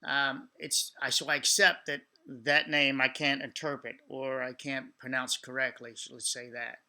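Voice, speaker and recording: Very bright, forceful male commentator. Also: mid-range voice, flat delivery, moderate pace. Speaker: reaction video host. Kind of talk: off-the-cuff explanatory commentary.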